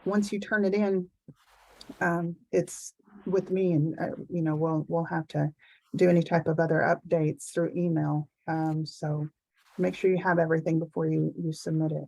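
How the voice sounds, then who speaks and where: A woman program officer breaks in on a video call to stress deadlines and ask everyone to hand in their data. Her delivery is earnest and emphatic, with a gravelly fry in her voice. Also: sits low, little pitch movement, normal speed, warm tone, rough recording. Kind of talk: online meeting remarks.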